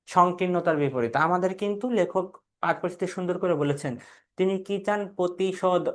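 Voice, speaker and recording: A young male teacher from Bangladesh going through exam questions in an online class, asking questions, answering them himself and calling out the names of students who got them right. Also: on the high side. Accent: Bangladeshi Bengali.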